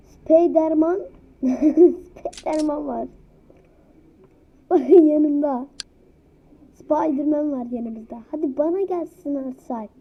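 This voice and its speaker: A high-pitched woman narrating her game in an unhurried, drawn-out way, excitable and teasing as she plays. Her voice comes through a dull, lo-fi home recording. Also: slight background noise. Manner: excitable, teasing, laughs often. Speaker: gaming YouTuber. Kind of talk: casual let's-play commentary.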